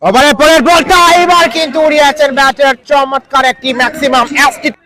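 A man with a Bangladeshi accent giving frantic, excited live play-by-play commentary on a cricket match. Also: extremely high pitch, fast talker. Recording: loud crowd noise behind. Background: crowd at an outdoor cricket ground.

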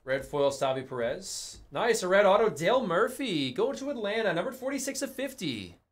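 With a voice that sits high and a moderate pace, a young man hosts a studio card break live. He keeps things casual and chatty, naming the cards as they come and getting excited over major hits.

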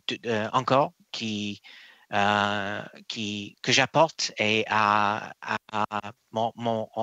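Halting man answering a hearing panel. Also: fairly low pitch, sharp tone, no room sound. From England. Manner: halting, searching for words, many restarts. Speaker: Supreme Court nominee. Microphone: video call.

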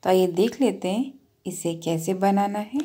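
A woman's voice: medium pitch, measured pace. A woman hosting a cooking channel, patiently talking through each step of a recipe in a voice-over with practical tips.

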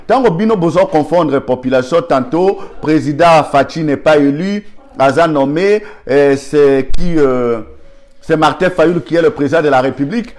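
A man's voice: on the high side, normal speed, darkish tone. A man with a Congolese accent gives an argumentative political commentary, firing rhetorical questions and thanking viewers by name.

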